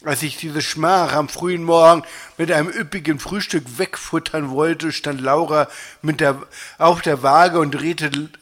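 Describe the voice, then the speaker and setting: A man narrating a humorous story aloud in a lively, expressive way. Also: on the high side, measured pace.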